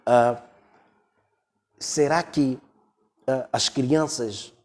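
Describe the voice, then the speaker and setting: A male pastor preaches at a middle pitch. He speaks in a halting way and leans on long hesitation sounds between phrases. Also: darkish tone. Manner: hesitant, many drawn-out fillers. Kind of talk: sermon.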